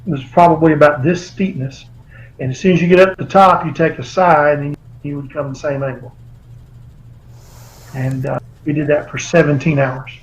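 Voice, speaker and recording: A man's voice: on the high side, fairly even intonation, moderate pace. Man telling stories over a muffled call. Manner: anecdotal, rambling storyteller. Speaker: author guest. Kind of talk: remote interview. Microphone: video call.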